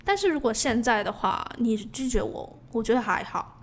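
A woman's voice: a little high, big pitch swings, moderate pace. A woman co-hosting a podcast in casual chat with a friend, talking freely, laughing often and dropping English words into her speech. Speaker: podcast co-host.

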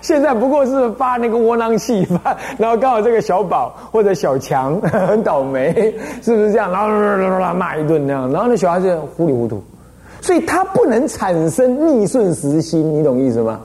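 Taiwanese monk giving a dharma talk, lots of "you get it?" questions, mellow tone. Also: male voice, high-pitched, fairly quick. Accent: Taiwanese Mandarin. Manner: animated storytelling, frequent rhetorical questions. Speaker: Buddhist abbot teaching. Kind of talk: dharma lecture.

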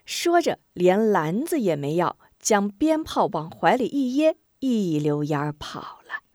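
Expressive woman reading a children's story. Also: medium pitch, a little slow, no room sound, clean studio sound. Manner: expressive, voices every figure. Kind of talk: scripted story narration.

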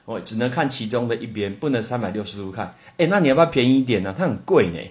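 A man with a Taiwanese Mandarin accent hosting a casual solo podcast lesson, chatting with lively exclamations and spelling out English words letter by letter. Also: medium pitch, fast talker.

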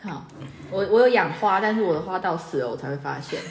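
Fast-talking Taiwanese woman storyteller. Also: lowish voice, a little hiss or hum. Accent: Taiwanese Mandarin. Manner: animated, laughing storyteller. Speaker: podcast co-host. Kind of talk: casual chat and storytelling. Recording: echoey room.

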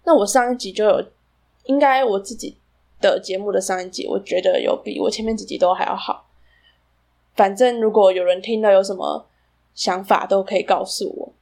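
A woman's voice: mid-range voice, moderate pace, darkish tone. A woman with a Taiwanese Mandarin accent hosting a casual solo podcast, rambling and self-deprecating, her articulation a little slurred from wearing braces.

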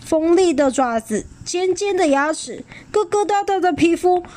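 A woman's voice: extremely high pitch, animated, normal speed, dark tone, pitched above the performer's own voice. A woman voicing a sly, menacing grown male tyrannosaurus in a storybook reading, with sneering chuckles and an insistent manner.

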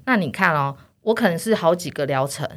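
A woman's voice: low voice, a little fast. A woman, an insurance agent telling stories in casual podcast chat, laughing often. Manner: lively storyteller, often laughing.

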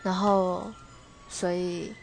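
A woman's voice: lowish voice, level tone, very slow, creaky, darkish tone, faint music behind. A young woman hosts a podcast, telling a personal story in a rambling, hesitant way that keeps correcting itself. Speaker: podcast host.

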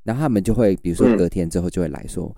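A man's voice: low-pitched, racing, creaky, no echo, clean studio sound. A man, a livestream seller telling stories in casual chat and acting out his customers. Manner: animated storyteller, acts out customers.

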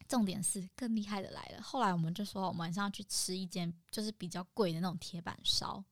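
Young female co-host, animated storyteller who mimics the people she quotes, dry close sound. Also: mid-range voice, fast talker, no echo. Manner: animated, acts out quoted voices in a coy sing-song. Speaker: podcast co-host. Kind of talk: casual storytelling chat.

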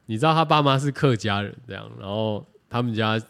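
A man's voice: lowish voice, brisk, creaky, clean tone. Rambling man. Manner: rambling, animated, self-correcting. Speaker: podcast co-host. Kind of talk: casual chat.

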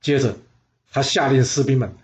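A man narrating a historical story in a lively, dramatic way. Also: mid-range voice, moderate pace, a little hiss or hum.

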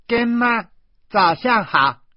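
Guy putting on a squeaky cheeky little girl, high and loud, husky, dull audio. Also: animated, takes it slowly, no echo, heavily acted. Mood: eager. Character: little girl, bold and stubborn.

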